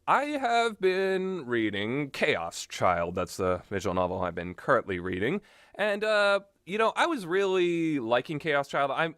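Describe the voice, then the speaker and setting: This video host's voice sits at a medium pitch with a fairly bright tone, recorded cleanly in a studio with no echo. He rambles casually through his commentary, voicing strong opinions in an emphatic way.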